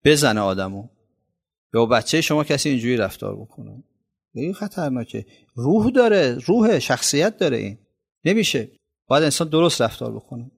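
Guy preaching, gravelly voice, goes loud then drops real quiet, mid pitch. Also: expressive. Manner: storytelling with swings between loud emphasis and quiet low asides. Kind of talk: sermon.

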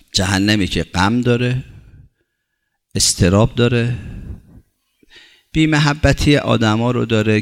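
A man preaching a sermon as a religious teacher, building his points through long runs of short, repeated phrases and reciting Arabic scripture before explaining it. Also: fairly low pitch.

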